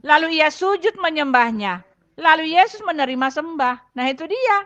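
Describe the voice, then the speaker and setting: High bright-voiced woman explaining scripture. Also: lively intonation, normal speed, dull audio. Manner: chatty, thinks aloud while hunting for Bible verses. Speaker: church elder giving testimony.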